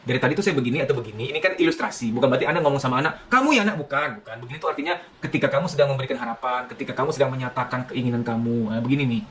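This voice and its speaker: A man giving a lecture on parenting, animated, often acting out what parents and children say. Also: mid-range voice, racing, hardly any pauses, a crowd in the background. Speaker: psychology lecturer.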